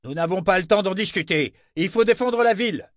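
A man voicing a flustered middle-aged male merchant who shouts urgent orders to a panicking crowd, in an audiobook. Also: a little high, normal speed, no room sound, clean studio sound, pitched above the performer's own voice, natural voice. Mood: commanding. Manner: loud, urgent, commanding. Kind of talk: audiobook character voice.

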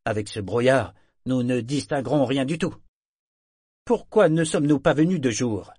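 A man's voice: mid-range voice, normal speed, a little mellow, breathy edge, no echo, studio quality, voice pushed up, natural voice. A man voicing a skeptical wealthy man with a plaintive, grumbling voice. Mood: complaining.

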